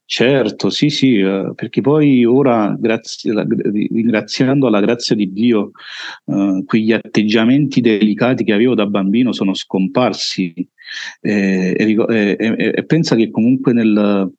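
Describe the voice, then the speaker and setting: A man with a Neapolitan accent shares a personal testimony in a deep, full voice. The tone is dark and relaxed, and the delivery is halting. The sound is close and dry, a little dull. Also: dry recording. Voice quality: heavy, full voice. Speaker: interview guest.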